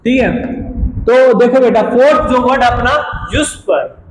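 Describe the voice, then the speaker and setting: A man with a high voice teaches vocabulary in a classroom style, calling his students "beta." He repeats each word and its meaning several times and keeps asking the class to say it back. The recording sounds echoey, with clear background noise. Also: a little slow.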